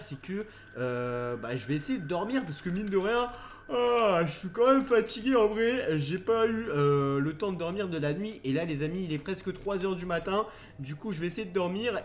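A man's voice: sits high, a little hiss or hum. A young man hosting a Minecraft video, commenting on the game to viewers in a theatrical, easily alarmed way. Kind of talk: dramatised gameplay commentary addressed to viewers.

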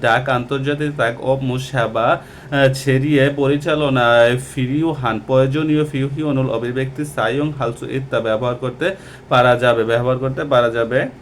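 A man teaching Korean vocabulary from a textbook, talking slowly and repeating each word with many hesitations. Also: mid-range voice, fairly even intonation, slight background noise. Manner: slow and repetitive, with many hesitations. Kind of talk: textbook lesson explaining vocabulary.

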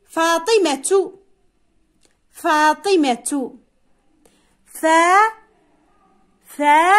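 Woman teacher, high voice that bounces around a lot, stretches out each word and says it twice. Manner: slow, drawn-out dictation of single words, repeating each; asks pupils questions and answers them herself. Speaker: primary school teacher. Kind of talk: Arabic spelling lesson.

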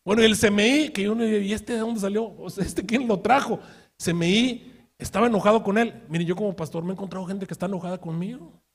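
A male pastor preaches in a husky, fairly high voice. He tells the story with vivid acted-out quotes and rhetorical questions to the congregation. His delivery swings between hushed asides and loud, forceful bursts. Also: fairly even intonation, fairly quick. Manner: shifts from quiet asides to loud shouted outbursts. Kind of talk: sermon.

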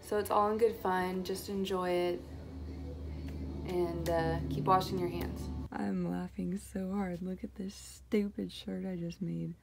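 A woman's voice: on the low side, little pitch movement, a little slow, vocal fry, music in the background. A woman in her twenties, a mom, chatting casually to camera in a light, self-mocking vlog. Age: 20s. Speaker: vlogger and mom.

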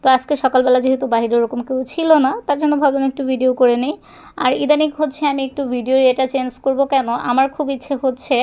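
A young woman records a vlog on a handheld phone while strolling through her neighborhood, chatting and rambling with lots of filler phrases. Her voice is on the high side with a darkish tone.

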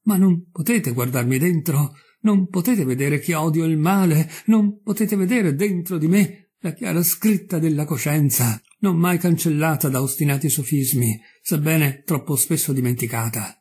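A man's voice: fairly high pitch, normal speed, hardly any pauses, mellow, husky. A man voicing a desperate male murderer who pleads with passion in an audiobook reading. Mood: pleading. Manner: impassioned, anguished.

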